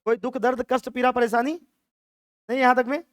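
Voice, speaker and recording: A man's voice: very high voice, steady tone, fairly quick, dry recording, clean studio sound. Playful male physics teacher. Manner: playful, acts out dialogue lines in a mock-dramatic voice. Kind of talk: lively classroom lecture. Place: classroom with a board.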